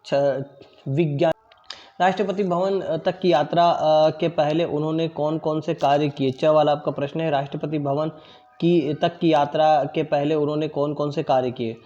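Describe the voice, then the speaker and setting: Guy teaching online class, slightly high voice, repeats everything, says ok a lot, kinda muffled lo-fi audio. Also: steady tone, dark tone. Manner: explains slowly, repeats answers, often says "theek hai"; drills pronunciation, word then pause for pupils.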